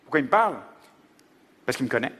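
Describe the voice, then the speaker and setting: A man's voice: medium pitch, very animated, fast, a bit bright. A man with a Quebec French accent doing stand-up comedy, stumbling comically through broken English.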